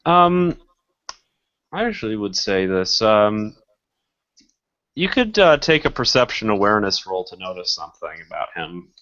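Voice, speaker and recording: A man running a tabletop role-playing game, his voice sitting a little low and coming through dull and lo-fi. He talks hesitantly, stopping and restarting often as he describes the scene. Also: big pitch swings, moderate pace, long pauses, pushed and bright. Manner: hesitant, many ums and restarts. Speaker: game master. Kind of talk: narrating a tabletop game over voice chat.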